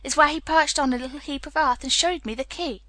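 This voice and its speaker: Woman doing a hushed, solemn little girl. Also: sits high, lively intonation, fairly quick, no echo. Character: solemn, delighted young girl guide.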